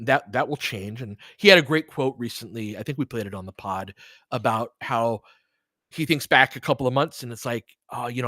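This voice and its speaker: Hosting a sports stream, this podcast host and live play-by-play commentator talks casually with listeners and gives commentary that is thoughtful, somewhat hesitant and conversational. His mid-range voice is a bit bright, heard in clean studio sound with no room sound.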